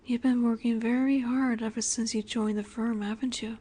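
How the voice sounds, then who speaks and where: In an intimate audio roleplay, a woman voices a poised, teasing young vampire, speaking gently and unhurriedly with breathy asides. Her slightly high voice is steady, close to everyday speech, at a normal pace, with a warm, caring mood.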